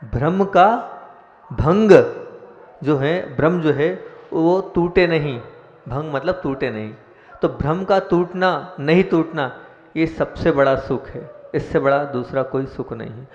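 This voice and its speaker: Brief: man, mid pitch, patient teaching sermon, echoey hall, dull lo-fi sound. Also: a little slow. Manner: teaching, asks the audience questions, explains step by step. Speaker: senior monk giving discourse. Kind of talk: devotional sermon.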